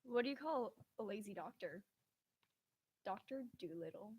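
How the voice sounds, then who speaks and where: A woman's voice: mid-range voice, animated, moderate pace, darkish tone, slightly rough. A woman trading dad jokes as a contestant, giving short setups and punchlines. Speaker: joke contestant.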